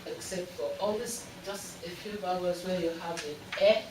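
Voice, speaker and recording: Teacher leading a tone drill in an echoey hall. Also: male voice, sits high, steady tone, normal speed. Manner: repeats words, has the audience echo syllables. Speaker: language instructor. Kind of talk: teaching a tone lesson to an audience. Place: university lecture hall. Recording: far from the mic, echoey, loud hall noise.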